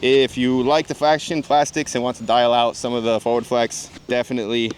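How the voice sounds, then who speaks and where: A man's voice: mid-range voice, little pitch movement, fairly quick. A man vlogging at an outdoor skate spot in a casual, chatty way. He spurs himself on between attempts and swears freely when he misses. Faint street noise sits behind his voice. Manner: self-encouraging, swears when tricks fail. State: out of breath after skating. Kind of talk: casual vlog commentary.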